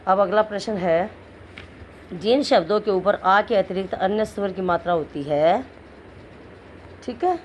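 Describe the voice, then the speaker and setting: A woman teacher explaining a lesson to children, drawing out syllables slowly as she goes through each word. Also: medium pitch. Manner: slow, explaining, drawn-out syllables. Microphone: phone. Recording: screen-recorded phone audio with faint noise.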